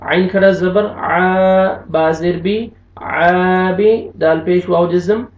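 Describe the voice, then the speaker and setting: A man teaching Quranic recitation, spelling out each syllable slowly and drawing out the recited words. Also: high-pitched, steady tone. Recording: echoey, distant, dull lo-fi room sound.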